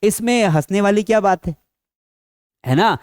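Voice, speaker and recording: A man teaching spoken English with an Indian English accent, slowly stressing each English example and then explaining it briskly, often asking the viewer to repeat. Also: sits high, animated, a little mellow, no room sound, studio quality.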